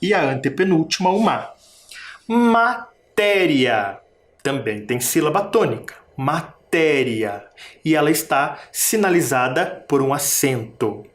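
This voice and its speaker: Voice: medium pitch, lively intonation, normal speed, hardly any pauses. A primary school teacher giving a recorded video lesson, patiently stretching words out and sounding out each syllable while asking the children questions. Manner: patient, asks the class questions.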